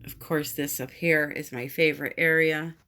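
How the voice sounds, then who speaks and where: A woman's voice: sits low, steady tone, normal speed, sharp tone. An American woman with a chatty, easily amused manner, narrating her acrylic pour painting in a casual video. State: recovering from illness. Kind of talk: casual art tutorial narration.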